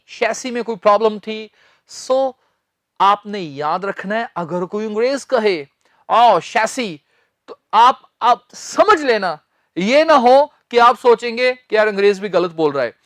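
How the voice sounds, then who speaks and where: Male English teacher, unhurried, drills pronunciation and quizzes students, dry recording. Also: sits high, a bit bright, no room sound. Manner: spells words out letter by letter and repeats pronunciations; keeps addressing the students and asking them to say words back. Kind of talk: spoken English lecture.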